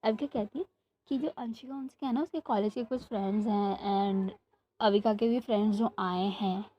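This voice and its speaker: A woman's voice: mid-range voice, fairly even intonation, normal speed, dull audio, a little hiss or hum. A young woman rambling animatedly from her bedroom, chatting casually and then narrating a story for her channel. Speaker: storytelling vlogger. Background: neighbour's music playing.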